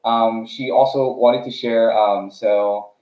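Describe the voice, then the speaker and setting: Speaking as a podcast guest in a casual interview, this young South Korean startup founder shares his story in a halting way, full of restarts and filler words. His voice sits on the low side, steady and darkish in tone. The recording is low-quality and captured in an echoey room.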